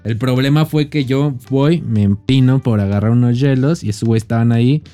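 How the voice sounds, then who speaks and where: A Mexican man with a dark, mellow voice at an ordinary pitch. He speaks in relaxed, slangy podcast chat. He trades lines easily with his co-host. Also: brisk, faint music behind. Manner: laid-back, slangy, defensive back-and-forth. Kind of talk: casual chat.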